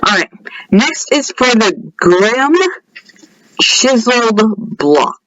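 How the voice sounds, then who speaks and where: High-voiced man, slow gameplay commentary. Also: animated, a bit bright, no room sound. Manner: rambling, offhand asides, talks to viewers directly. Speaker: game mod creator showcasing his mod. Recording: dull lo-fi recording.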